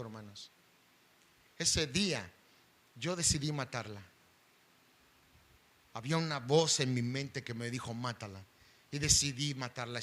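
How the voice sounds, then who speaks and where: A middle-aged male pastor, preaching an impassioned sermon that swings from loud pleading to hushed intensity. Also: high voice.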